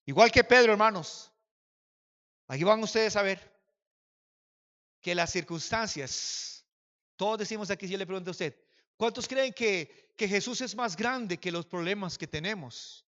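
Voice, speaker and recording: A man pastor with a strikingly high, bright voice preaches an impassioned sermon that swells from hushed lines into shouted calls. He keeps asking the congregation to raise their hands and repeat after him. The sound is muffled and carries a long echo from a large church hall. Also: measured pace, pauses often.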